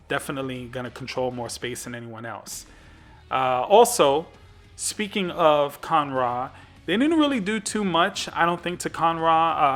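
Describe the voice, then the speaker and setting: Man, gaming host, casual commentary, lots of uh and restarts, bright forceful tone. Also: mid-range voice. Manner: rambling, frequent fillers and restarts. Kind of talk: casual commentary on a fighting game.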